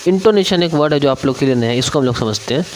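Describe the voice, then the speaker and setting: A young man from India with a Bihari Hindi accent, teaching an online exam-prep lesson, reading English lines slowly and then explaining them in Hindi, often checking in with his listeners. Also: on the high side, animated. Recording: faint background noise.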